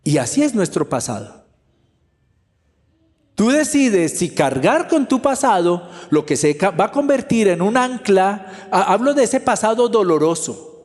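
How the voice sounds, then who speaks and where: A man's voice: high voice, big pitch swings, a little slow, darkish tone. Emphatic man preaching in a large hall. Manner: emphatic preaching, repeats key phrases. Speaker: pastor. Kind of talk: sermon.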